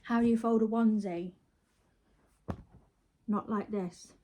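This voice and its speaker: Chatty and playful, a British woman wraps gifts while rambling to her phone camera and half talking to herself. Her mid-range voice is steady, mellow and measured, heard in a low-quality recording with slight background noise.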